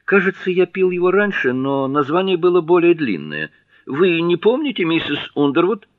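A man doing a naive, curious young gentleman. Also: on the high side, very animated, normal speed, phone-quality sound, pitched above the performer's own voice. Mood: polite.

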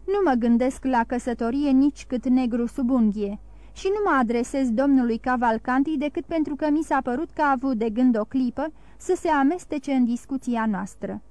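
A woman's voice: high-pitched, darkish tone, no echo, close to an everyday voice. A woman reading the part of a proud young nobleman who speaks coldly and accuses. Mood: scornful. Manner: cold, challenging, accusing.

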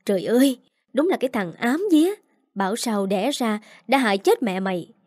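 A woman voicing a spiteful, sharp-tongued young woman who scolds with contempt. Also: fairly high pitch, expressive, moderate pace, no echo, clean studio sound. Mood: scornful.

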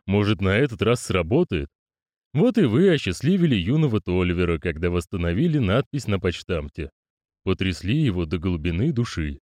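A man's voice: deep voice, darkish tone, dry recording, studio quality. A man voicing a weary old postal veteran who speaks in a resigned, mournful way. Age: older.

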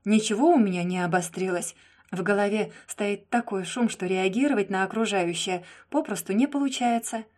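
A young woman narrating a first-person audiobook, soft and subdued, often close to a whisper. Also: medium pitch, moderate pace.

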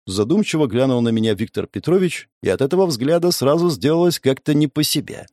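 A man reading an audiobook in the first person, with expressive, varied intonation. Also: medium pitch, fairly quick, no echo, clean studio sound. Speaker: audiobook narrator.

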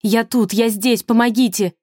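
A woman voicing a terrified young woman trapped in a locked room, shouting frantic pleas. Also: medium pitch, steady tone, a little fast, no room sound, clean studio sound, natural voice.

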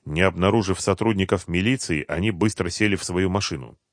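A man narrating a crime audiobook in an even, measured manner. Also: deep voice, no room sound, clean studio sound.

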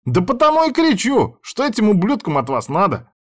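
A man doing a loud hyper young buddy. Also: huge pitch swings, fairly quick, exaggerated voice. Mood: outraged. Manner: shouting, high-pitched and boisterous.

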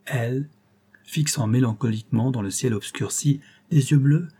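A man narrating a classic novel with a measured, steady storytelling delivery. His voice is warm and mellow, with a husky, slightly breathy grain. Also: medium pitch. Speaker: audiobook reader. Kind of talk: reading a novel aloud.

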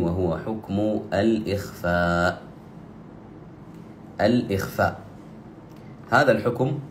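A man teaching Quran recitation rules, explaining steadily and slowing down for drawn-out recited examples. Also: fairly low pitch, roomy sound, slight background noise. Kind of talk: tajweed lesson with slow demonstrations.

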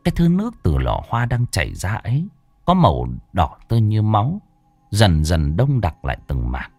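A man's voice: lowish voice, huge pitch swings, normal speed, darkish tone, no echo. A man narrating a ghost story in a dramatic storytelling manner. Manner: dramatic storytelling with voiced characters. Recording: dry close recording with faint music.

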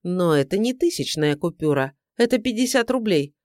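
A woman's voice: fairly low pitch, lively intonation, moderate pace, a little mellow, dry recording, lightly acted. A woman reading the part of a tired, sardonic male private detective in a dry, grudging manner for an audiobook. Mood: weary. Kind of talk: audiobook character voice.

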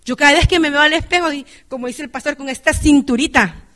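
A woman lay preacher delivers a church sermon in a high-pitched, fairly bright voice at a fast pace. She keeps checking in with the congregation by asking "right?" and addresses them as brother and sister.

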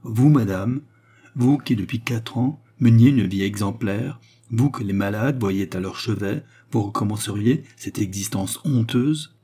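A man's voice: fairly low pitch, measured pace, warm tone, breathy edge. A man reading aloud, voicing a bewildered, reproachful young man. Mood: stunned. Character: young man, stunned and indignant. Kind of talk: audiobook character reading.

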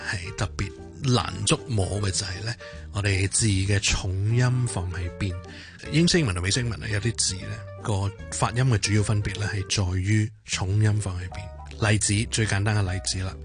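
A man with a Hong Kong Cantonese accent presenting a short radio language tip, theatrical and repeating each word to demonstrate it. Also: on the low side. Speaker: English pronunciation segment presenter. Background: background music.

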